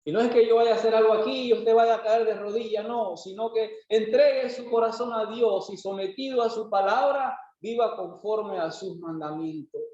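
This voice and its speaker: A man's voice: high-pitched, moderate pace, hardly any pauses, a little mellow. A man preaching a sermon in a church, driving points home with rhetorical questions and emphatic repetition. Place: church worship hall. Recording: very echoey hall, dull lo-fi sound.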